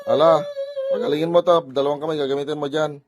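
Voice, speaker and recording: A man's voice: fairly high pitch, fairly even intonation, fast talker. A man performing a deliverance prayer as a faith healer, chanting invocations and repeating urgent commands at a spirit. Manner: commanding, repetitive urgent orders.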